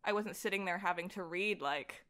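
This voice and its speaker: Her voice is lowish, pushed and bright, at a normal speed. As a podcast guest and voice actor-director in young adulthood, she chats casually through personal stories, dramatizing bits of others' words.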